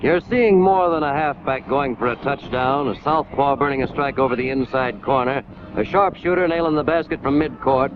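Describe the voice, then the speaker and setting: Heard on a noisy, scratchy, tinny 1940s film soundtrack, a US-born American man gives scripted military training-film narration, emphatic and hard-hitting with clipped phrases, at medium pitch and normal speed.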